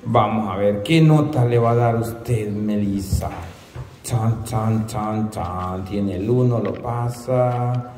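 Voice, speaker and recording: A man's voice: on the low side, slow, darkish tone. A man with a Salvadoran Spanish accent hosts a singing contest in a joking, teasing way, often repeating his words. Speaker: host of a singing contest show. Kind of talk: joking lively hosting. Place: large open-air covered court. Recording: echoey covered court, noisy.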